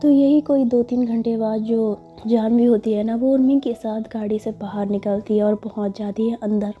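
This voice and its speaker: A woman tells a story in a chatty, casual way, her voice slightly high and quite level. The recording is a bit dull. Faint music runs behind her. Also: fairly even intonation, normal speed. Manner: chatty, frequent fillers.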